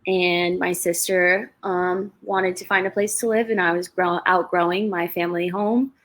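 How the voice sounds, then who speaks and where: A woman's voice: lowish voice, steady tone, normal speed, fairly bright tone. Chatty young woman telling stories. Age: 20s. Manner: chatty storyteller, laughs between stories. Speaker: guest, real estate investor. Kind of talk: casual interview over a livestream.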